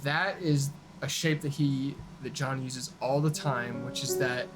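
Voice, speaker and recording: A man, a guest in a casual music chat, explaining points in a relaxed way that often trails off softly. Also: medium pitch, a little slow, low-quality recording. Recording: audible background hiss.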